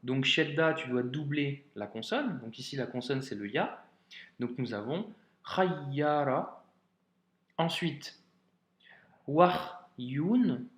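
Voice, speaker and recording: A man's voice: mid-range voice, a bit bright, reverberant. A man teaching Arabic reading in a recorded video lesson, patient and informal, often checking that the learner follows. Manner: slow, patient, informal, addresses viewer as tu, checks understanding with ok.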